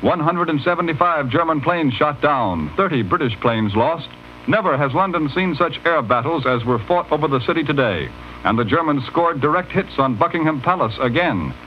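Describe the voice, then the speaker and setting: A man delivering a 1940s radio news bulletin in a formal, measured announcer manner, heard as an old newsreel radio broadcast. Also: on the high side, animated. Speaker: radio newscaster. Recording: dull lo-fi archival radio with faint hiss.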